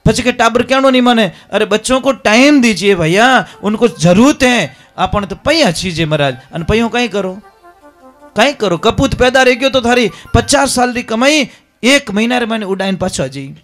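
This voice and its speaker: A man's voice: high voice, fairly bright tone. A man preaching a devotional sermon, emphatic and repeatedly calling his listeners maharaj. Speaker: religious preacher.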